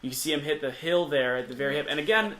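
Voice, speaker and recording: A man with a slightly higher voice calls a disc golf round in a chatty, upbeat way, full of fillers and quick asides. He has a light Michigan accent and is recorded outdoors on the course. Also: lively intonation, fairly bright tone, a little hiss or hum. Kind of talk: casual tournament commentary.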